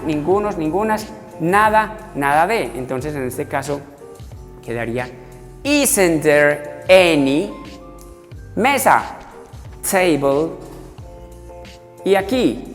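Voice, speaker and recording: A man teaching a language class, explaining grammar patiently and repeating examples slowly. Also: on the high side. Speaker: English teacher. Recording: long reverb, faint music. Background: faint background music.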